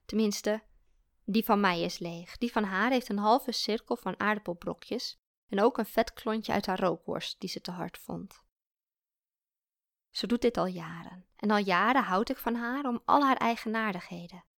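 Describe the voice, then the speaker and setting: Gravelly woman reading a story. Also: medium pitch, unhurried, no room sound, clean studio sound. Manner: calm, reflective reading. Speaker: narrator. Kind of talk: scripted story narration.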